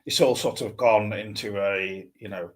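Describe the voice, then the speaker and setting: A middle-aged man talks casually with a husky, slightly low voice. He is hesitant and thoughtful, rambling his way through each point as a co-host. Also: steady tone, normal speed. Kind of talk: casual chat.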